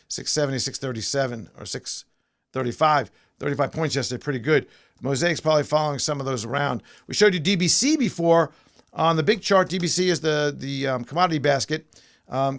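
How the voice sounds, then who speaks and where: Gravelly man talking through stock charts. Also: a little high. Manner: rambling, thinking aloud with fillers and restarts. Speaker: stock market show host. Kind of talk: casual market commentary over charts.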